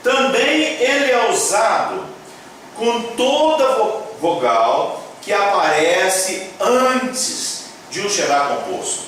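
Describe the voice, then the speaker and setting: A man teaching a lesson at a board, repeating key words slowly and checking in with his viewers, encouraging them as he goes. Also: high voice, sing-song, a bit bright. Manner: encouraging, addresses viewers as "minha gente". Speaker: Hebrew teacher. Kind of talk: classroom-style lecture at a board. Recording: echoey room, voice from a distance, faint background noise.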